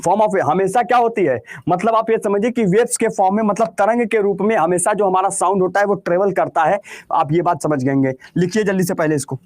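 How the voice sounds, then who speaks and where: High-voiced Bihari teacher quizzing a class. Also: male voice, brisk, a little mellow, no echo, studio quality. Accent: Bihari Hindi. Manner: repeats questions and answers them himself. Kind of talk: classroom lecture.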